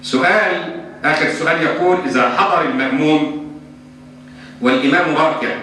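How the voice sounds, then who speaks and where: Fairly quick and sharp in tone, this man's voice sits on the high side. He's an Islamic scholar answering religious questions in a lesson with an Egyptian Arabic accent, emphatic and mixing formal and colloquial registers. The sound is distant and echoey, as in a hall, with a faint hum.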